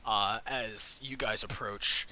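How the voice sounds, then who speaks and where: A man running a tabletop game, improvising casual narration as game master in a halting way full of "like". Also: lowish voice, fairly even intonation, pushed and bright. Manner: halting, heavy use of "like". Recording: faint hiss.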